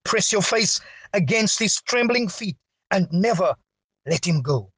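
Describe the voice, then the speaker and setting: A man preaching a sermon with a dramatic, drawn-out delivery and big swings in pitch. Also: animated, fairly bright tone, breathy edge, no room sound.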